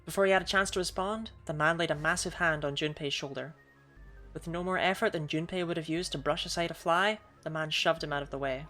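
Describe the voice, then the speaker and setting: A woman's voice: low-pitched, fairly quick, a bit bright, faint music behind. A woman streamer reading scripted story narration aloud during a game playthrough.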